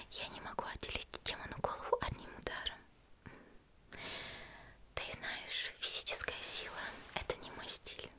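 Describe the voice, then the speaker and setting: In a whispered ASMR roleplay, a woman plays a petite, gentle and elegant female demon slayer. She sounds soft, reassuring and unhurried.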